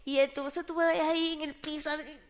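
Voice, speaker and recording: A high-pitched woman with a Venezuelan accent tells a personal story in a casual, chatty way. She is animated and jumps in pitch when she acts out what other people said. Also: a little fast. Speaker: speaker sharing a personal business testimony.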